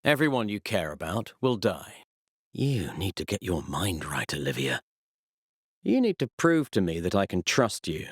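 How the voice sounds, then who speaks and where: Pompous, theatrical villain, sweeping intonation. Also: male voice, sits low, sing-song, moderate pace, husky, no echo, clean studio sound, heavily acted. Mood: cold menace. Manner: theatrical, pompous, menacing, precise. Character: the Baron, arrogant male mad-scientist villain, cold and gloating. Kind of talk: video game villain dialogue.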